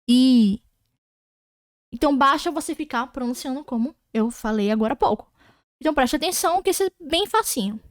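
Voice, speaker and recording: With a high-pitched voice, a Brazilian woman leads an online lesson on Portuguese grammar, slowly and patiently repeating words while making sure her students keep up. The audio is clean studio sound without any room noise.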